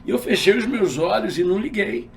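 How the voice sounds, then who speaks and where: Um pastor de meia-idade, homem com sotaque carioca, contando seu testemunho numa entrevista de forma animada e dramatizando os diálogos. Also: male voice, high-pitched, a little fast, creaky, recorded from a distance, a little hiss or hum. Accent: carioca Brazilian Portuguese. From Rio de Janeiro. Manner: animated storyteller, acts out dialogue. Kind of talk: personal testimony in an interview.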